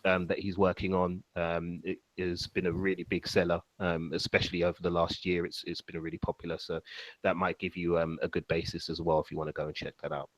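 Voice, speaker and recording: Deep-voiced laid-back podcast host. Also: male voice, flat delivery, fairly quick, no echo. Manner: laid-back, many ums and you-knows, laughs easily. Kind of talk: casual chat.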